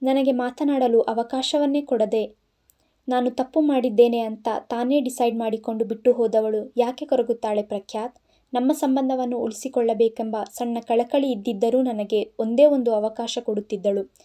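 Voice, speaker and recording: A woman's voice: fairly high pitch, steady tone, moderate pace, warm tone, natural voice. A woman voicing a bitter young husband who speaks in cold, cutting lines in an audio story. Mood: resentful.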